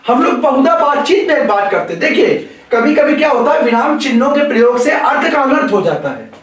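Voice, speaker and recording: Male teacher, slow deliberate lecture, repeats phrases; recorded off-mic in a booming room. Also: sing-song, distant mic. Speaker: Hindi grammar teacher. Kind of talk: classroom lecture. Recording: very echoey room, voice away from the mic.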